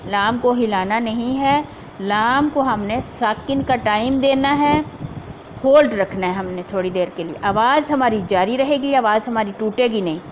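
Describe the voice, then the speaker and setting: A woman teaching Quran recitation, drawing out syllables slowly and patiently repeating each point. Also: a little high, background noise. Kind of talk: tajweed lesson.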